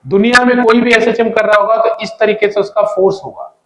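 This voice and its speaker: A man's voice: high-pitched, fairly even intonation, a little fast, a bit bright. A man teaching physics in a classroom-style lecture, repeating key points and asking students questions as he goes. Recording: echoey room.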